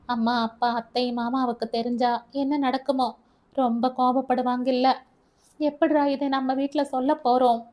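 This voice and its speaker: A frightened young bride pleads like a child, her voice lifted high above the narration. A woman reader puts her on for the audiobook. Her sobbing lines run quicker and brighter than the story around them. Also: flat delivery, close to an everyday voice. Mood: fearful. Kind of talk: audiobook character voice.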